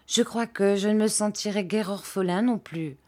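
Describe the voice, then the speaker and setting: A woman's voice: mid-range voice, normal speed, darkish tone, close to an everyday voice. Woman reading an earnest, gushing young boy. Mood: admiring. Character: earnest, admiring young schoolboy.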